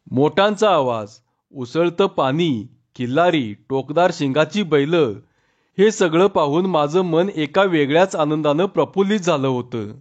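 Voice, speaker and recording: A man narrating a rural story in calm, unhurried scripted narration, in a dull lo-fi recording. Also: on the high side.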